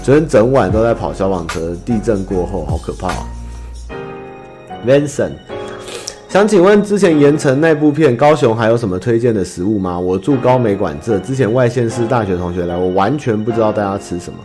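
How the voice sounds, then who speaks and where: A man's voice: fairly low pitch, brisk, music in the background. A man with a Taiwanese Mandarin accent hosts a casual podcast, answering listener letters as a rambling, self-mocking storyteller. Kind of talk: casual chat.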